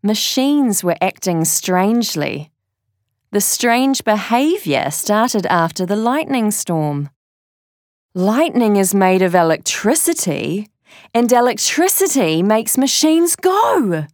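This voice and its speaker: A woman reading a children's story aloud as narrator, slow and deliberate. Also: mid-range voice, very animated, darkish tone, dry recording, clean studio sound.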